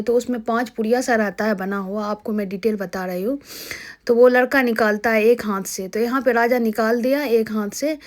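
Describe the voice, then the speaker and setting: A young woman from Bihar narrates her vlog in a slightly high voice. She talks to her viewers in a casual, chatty way, explaining each step as it happens. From Bihar, India. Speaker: vlogger.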